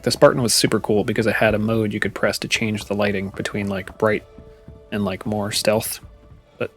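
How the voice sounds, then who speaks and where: A man chatting casually to his viewers while playing a game live, musing aloud as he goes. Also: lowish voice. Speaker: streamer. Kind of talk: casual gameplay commentary.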